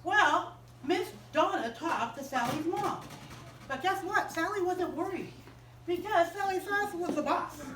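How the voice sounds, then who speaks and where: A woman telling a story to children in a chapel, animated and asking them questions as she goes. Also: very high voice, a little slow, reverberant, distant mic, slight background noise, low-quality recording. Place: chapel room.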